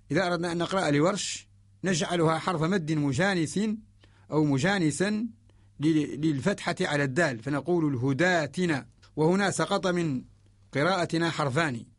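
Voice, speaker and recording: A man's voice: a little high, husky, no room sound. Methodical male radio teacher, Mauritanian accent. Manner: methodical explanation, reciting short verse examples. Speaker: teacher of Quranic orthography. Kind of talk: radio lesson. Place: radio studio.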